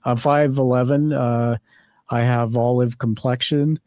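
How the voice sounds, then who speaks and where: A man's voice: medium pitch, fairly even intonation, measured pace, darkish tone, no room sound, clean studio sound. Friendly rambling male podcast host. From Canada. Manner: friendly, rambling, laughs easily. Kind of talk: conversational interview. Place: studio.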